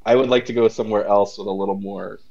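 Casual male co-host, lowish voice, meandering filler-packed delivery, a bit muffled. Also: steady tone, quick pace, creaky, mellow. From United States. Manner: rambling, filler-heavy, lots of "like" and "you know". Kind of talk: casual chat.

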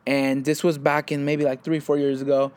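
A man's voice: fairly high pitch, normal speed. A young man co-hosting a casual chat podcast, telling stories and acting out what people said. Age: young adult. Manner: animated storytelling, acts out quotes. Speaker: podcast co-host.

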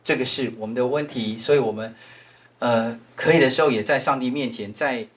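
Taiwanese mandarin pastor guy teaching bible class, mid-pitched voice, keeps repeating himself, says "ha" a lot. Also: brisk. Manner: animated, repeats phrases, frequent "ha" tag fillers.

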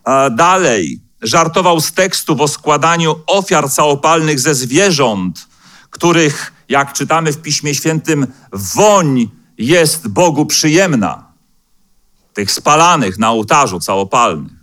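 A man preaching a sermon as pastor in a church, speaking in a measured way and slowing down to quote scripture, with the odd hesitant filler. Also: a little high, lively intonation, a bit bright. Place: church hall.

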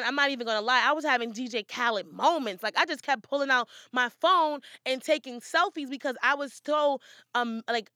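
A woman's voice: a little high, sharp tone, clear, resonant tone, dry recording, studio quality. A woman hosting her own podcast, talking casually and motivationally to her listeners. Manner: upbeat and motivational, chatty. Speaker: podcast host. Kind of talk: casual solo podcast monologue.

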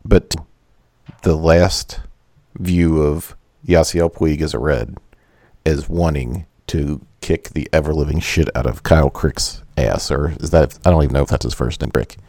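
Podcast host, male, very low gravelly voice, jokey and profane, dry close mic. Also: a little slow, mellow, dry recording. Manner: joking, swears freely. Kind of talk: casual chat.

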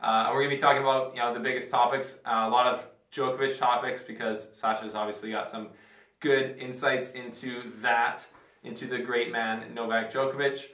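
A man from Canada, hosting a casual sports talk show in a relaxed, chatty way with fillers and restarts. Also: mid-range voice, fairly quick. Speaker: host. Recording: roomy sound, distant from the mic.

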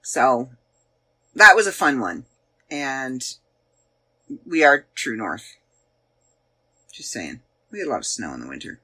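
Her bass voice is sharp with a breathy edge, moving through big pitch swings slowly and with frequent pauses. She's a Canadian podcast host in her forties, accent included, casually rambling over previous episodes and groping aloud with lots of fillers.

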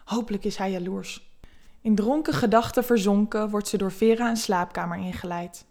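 Soft-spoken woman reading erotic stories. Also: medium pitch, normal speed. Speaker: narrator.

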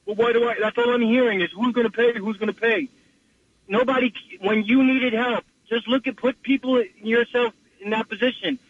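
A man's voice: very high voice, steady tone, moderate pace, no echo. A man calling in to a radio show over a phone line, ranting passionately and restarting often. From New York. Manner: impassioned, rambling rant with many restarts. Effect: caller heard over a phone line.

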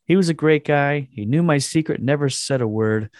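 A man's voice: fairly high pitch, moderate pace, darkish tone, no room sound, studio quality. Crude joking man reading a post. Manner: crude joking, laughing often. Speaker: podcast co-host. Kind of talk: casual chat, reading a post aloud.

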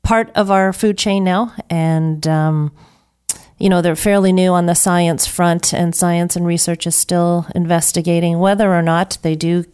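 A woman's voice: on the low side, fairly even intonation, measured pace, darkish tone, clear, resonant tone. A woman hosting a live radio health show, chatty and rambling, laughing often. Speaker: radio talk show host.

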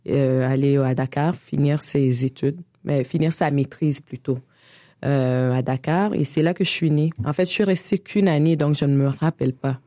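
Lively hesitant woman in her forties. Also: sits low, moderate pace, no room sound, clean studio sound. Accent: Quebec French. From Niger. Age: 40s. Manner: lively storyteller, frequent hesitations and laughter. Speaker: guest. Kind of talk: casual conversational interview.

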